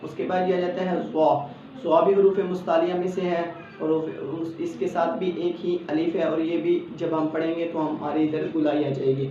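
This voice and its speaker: A man's voice: on the high side, mellow. Pakistani man teaching letter sounds, echoey. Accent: Pakistani Urdu. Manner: patient, explains each letter then models it slowly. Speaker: Quran recitation teacher. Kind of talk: step-by-step pronunciation lesson. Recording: echoey, distant, dull lo-fi sound with faint background hum.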